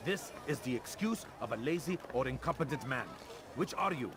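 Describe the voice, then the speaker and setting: A man's voice: medium pitch, animated, normal speed, background noise, close to an everyday voice. A man playing a cruel, domineering arms dealer with theatrical scorn in a video game drama. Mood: cold scorn. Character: cruel, menacing male arms dealer, quick to rage. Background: music.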